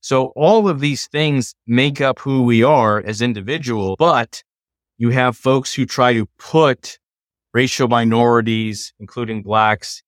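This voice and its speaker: A middle-aged man, a law professor, explaining ideas in a measured, lecturing way during a conversation. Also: medium pitch, no room sound, clean studio sound.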